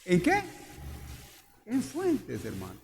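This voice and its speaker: A man's voice: high-pitched, wildly swooping pitch, takes it slowly, gravelly, long reverb tail, slight background noise. A man preaching a sermon as pastor, emphatic, repeating questions to the congregation. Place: church hall.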